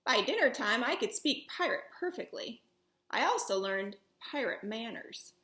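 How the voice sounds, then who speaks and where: A woman reading a children's story aloud with theatrical, expressive emphasis in a roomy, echoing space. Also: fairly high pitch, normal speed. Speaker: storybook reader.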